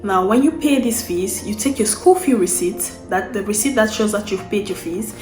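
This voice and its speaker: A woman's voice: mid-range voice, normal speed, darkish tone, faint music behind. Cameroonian woman explaining steps, echoey room. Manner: unscripted, with restarts and repeated phrases while explaining steps. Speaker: vlogger. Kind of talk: casual explainer talk to camera.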